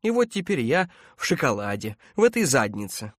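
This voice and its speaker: A man voicing a bitter, complaining male space marine who whines loudly. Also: medium pitch, sing-song, a little fast, dry recording, clean studio sound. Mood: whining. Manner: whining, loud, resentful.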